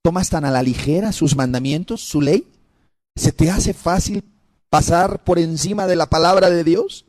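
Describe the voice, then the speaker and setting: A man preaching a sermon with dramatic swings between loud cries and hushed whispers, hammering the listener with rhetorical questions. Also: a little high, moderate pace, dry recording, clean studio sound.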